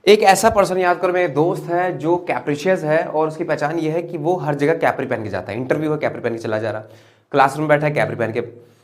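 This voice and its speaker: A man with a fairly high voice speaks briskly while teaching English vocabulary in a classroom-style lesson. He drills words through repetition, poses rhetorical questions, and calls his viewers children.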